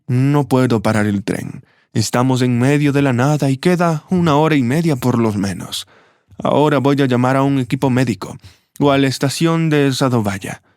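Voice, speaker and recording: A man voicing a flustered train conductor asking hurried, helpless questions in a storybook reading. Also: medium pitch, darkish tone, smooth, no room sound, clean studio sound, lightly acted.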